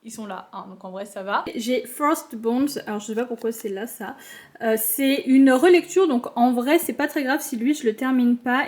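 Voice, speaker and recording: A woman's voice: fairly high pitch, darkish tone. A young woman chatting casually about her unfinished books in a reading vlog, with many fillers and restarts. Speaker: book vlogger.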